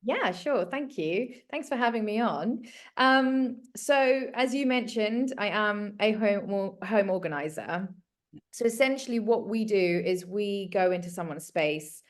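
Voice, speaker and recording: This South African woman in her thirties is a home organiser, chatting as a guest about her work and her story in a casual yet earnest way. Her medium-pitched voice is expressive and a little slow.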